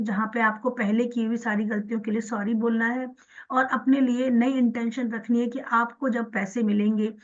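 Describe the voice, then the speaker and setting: A woman teaching a forgiveness prayer for money, mixing in English and slowly chanting the affirmations. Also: on the high side, highs cut off. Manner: slow, soft repeated chanting of affirmations. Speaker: spiritual teacher. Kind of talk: guided prayer instruction.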